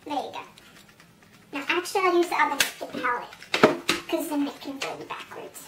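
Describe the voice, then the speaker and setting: Squeaky chipmunk-voiced vlogger, helium high. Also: fairly quick, very noisy. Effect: chipmunk pitch-up filter. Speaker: beauty vlogger. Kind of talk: casual chat while doing a makeup challenge.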